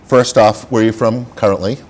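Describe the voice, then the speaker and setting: A man's voice: on the low side, fairly even intonation, brisk, a little mellow, slight background noise. A man hosting a local business interview show, reading a scripted welcome and then asking chatty questions.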